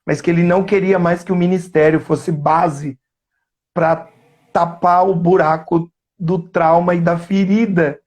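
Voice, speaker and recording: High-voiced Brazilian man telling a case story. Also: flat delivery, a little mellow. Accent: Brazilian Portuguese. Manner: earnest, slows down to stress key words. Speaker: psychoanalyst. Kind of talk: storytelling in a live interview. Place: remote live stream.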